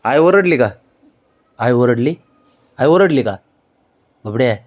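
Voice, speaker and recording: A man's voice: medium pitch, lively intonation, takes it slowly, a little mellow. A man at home talking fondly to his pet cat, teasing it with coaxing questions. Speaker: cat owner. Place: home, indoors.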